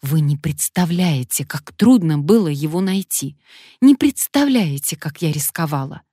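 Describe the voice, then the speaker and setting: A woman's voice: measured pace, warm tone, slightly rough, dry recording, clean studio sound. A woman reading an audiobook, voicing a frightened, fussy young woman blogger who babbles and shrieks. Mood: panicky. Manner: shrill, babbling.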